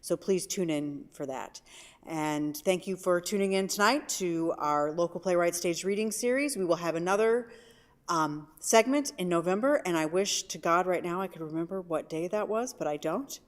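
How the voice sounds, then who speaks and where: A woman reads the stage directions and acts as host for a staged play reading, speaking at a moderate pace with a fairly low voice. She's recorded in a theatre hall from a distant mic, and the space sounds very echoey.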